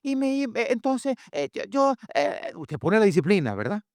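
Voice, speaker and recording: A male preacher gives a sermon, telling lively stories and acting out what people said. His voice sits fairly high and swings widely in pitch. The sound is dry and close on the microphone. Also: normal speed, dry recording. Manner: animated storytelling, acts out quotes. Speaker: pastor and family speaker.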